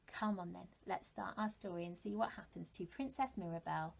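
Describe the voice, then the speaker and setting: Her voice lowish, gravelly and fairly quick, a British woman in her thirties teaches young primary pupils. She talks animatedly and reads them a story with plenty of expression, frequently posing rhetorical questions.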